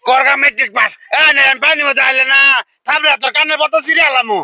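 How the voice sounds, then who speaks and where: Man acting a shrill, blustering town drunk. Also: fairly even intonation, fast talker, sharp tone, dry recording, studio quality, heavily acted. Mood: angry, blustering. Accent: rural Bangladeshi. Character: loud, quarrelsome village drunk man demanding his bottle. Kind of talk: village comedy skit acting.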